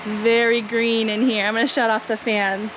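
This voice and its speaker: A woman's voice: on the high side, level tone, normal speed, muffled recording, background noise. A woman vlogger chatting her way through a garden and greenhouse tour, upbeat and explaining as she walks, recorded outdoors on a handheld camera. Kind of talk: casual walking tour narration.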